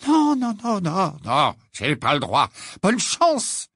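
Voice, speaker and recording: A man voicing a kindly, excitable middle-aged wizard who stammers and hurries. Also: high voice, slow, slightly rough, no echo, clean studio sound, voice pushed up, exaggerated voice. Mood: flustered.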